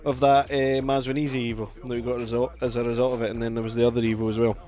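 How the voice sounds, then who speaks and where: A man's voice: medium pitch, flat delivery, fast talker, darkish tone, faint music behind. A man commentating casually on his own live game stream, chatting and reacting to the play. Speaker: gaming streamer.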